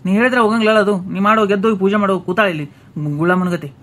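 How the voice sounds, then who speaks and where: A man's voice: high voice, rapid-fire, a bit bright. A man voicing a hungry, short-tempered older husband in a comic cartoon, speaking with a North Karnataka Kannada accent and barking impatient orders.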